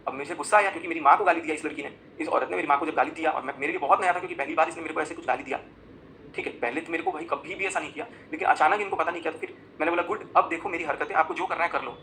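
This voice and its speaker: A man's voice: on the high side, fairly even intonation, very fast, bright, forceful tone, slight background noise, rough recording. A man ranting live on his vlog, agitated and accusing, explaining events as he shows chat screenshots on his phone, with emphatic bursts between muttered asides. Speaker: vlogger. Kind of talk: live confessional rant.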